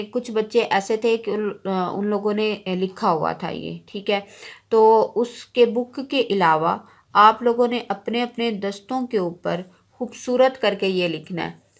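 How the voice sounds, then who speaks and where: Lady teacher doing a kids online lesson, super slow and patient, spells stuff out letter by letter. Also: medium pitch. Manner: patient, repeats words and checks in often with children.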